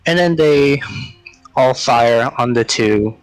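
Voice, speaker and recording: A man playing a tabletop role-playing game, speaking casually and thinking aloud in a hesitant, deliberate way. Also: mid-range voice, dry recording, soft background music, rough recording.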